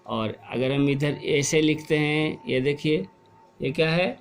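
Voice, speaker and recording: A middle-aged man teaching a class, explaining slowly and asking questions, then repeating the answers. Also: on the high side, soft background music. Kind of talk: classroom lesson.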